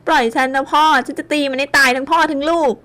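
A woman's voice: fairly even intonation, extremely slow. A woman voicing a drunk, furious young woman who screams and sobs at her family. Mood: furious shrieking. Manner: shrill, screaming, tearful.

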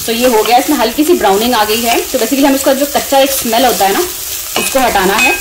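A home cooking vlogger and host in her thirties gives a casual voice-over with an Indian accent, mixing in English words. Her voice is on the high side and fairly quick, and the low-quality recording has clear sizzling kitchen noise.

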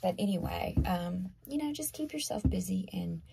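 A woman with a Southern US accent doing a chatty, emphatic tarot reading, hoarse from losing her voice. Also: mid-range voice, animated, normal speed, mellow, a little hiss or hum. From Southern United States. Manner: chatty, emphatic, repeats herself. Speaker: tarot reader. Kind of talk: casual tarot reading to camera.

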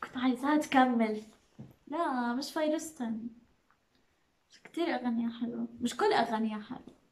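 A young adult woman chats casually in a guessing game, loudly repeating words back. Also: on the high side, fairly quick. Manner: loud, repeating words back while wearing headphones. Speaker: player in a word-guessing challenge. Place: small plain room indoors, seated in an armchair.

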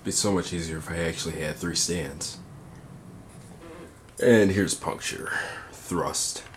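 This toy reviewer's voice sits low, with a steady tone and slow pace, as he casually and matter-of-factly demonstrates toys by hand. He's indoors at a tabletop display, and the recording carries clear background noise and handling clicks.

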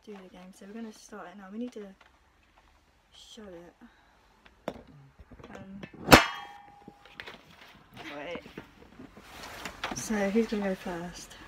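A woman's voice: mid-range voice, steady tone, slow pace, pauses often, heavy background noise. A young British woman hosting a challenge video, chatting casually and giggly with friends in front of a camera. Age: young adult. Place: small domestic room, indoors.

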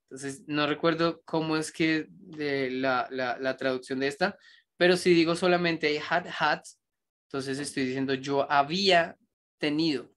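A man teaching an English grammar lesson, with reflective rambling asides and slow, careful dictation of example sentences. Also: on the high side, steady tone, fairly bright tone. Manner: switches between explaining and slow dictation of examples.

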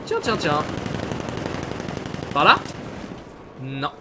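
A French gaming streamer does let's-play commentary in a fairly high voice that swoops wildly in pitch, speaking very slowly. Heavy background noise and game audio sit behind him as he chats with viewers and swears at them.

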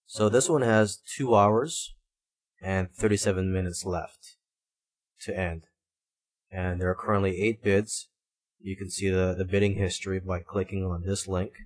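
A man with a low-pitched voice explains things as a tutorial instructor. He speaks haltingly, often doubling back to repeat a word or restart a phrase. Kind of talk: screencast tutorial narration, explanatory. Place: voice-over recorded for a screen recording.

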